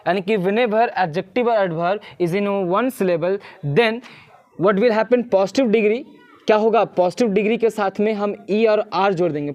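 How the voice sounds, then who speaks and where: A teacher giving a grammar lesson who keeps asking short questions and answering them, repeating key points and slowing down to spell out English phrases. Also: medium pitch, darkish tone, muffled recording.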